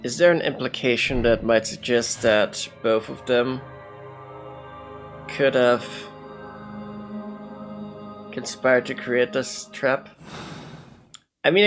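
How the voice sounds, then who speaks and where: A man commentates casually on a video game, reasoning his way through it out loud. His voice sits at a medium pitch, with some music playing underneath. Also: takes it slowly, pauses often. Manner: thinks aloud, deliberating.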